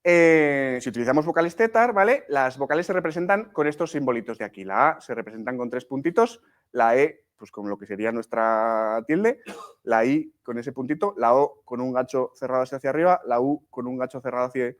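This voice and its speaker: A man's voice: mid-range voice, expressive, a little fast. A man from leading a live writing workshop, explaining step by step, with many restarts and frequent "¿sí?" and "¿vale?" checks to the class. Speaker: workshop teacher.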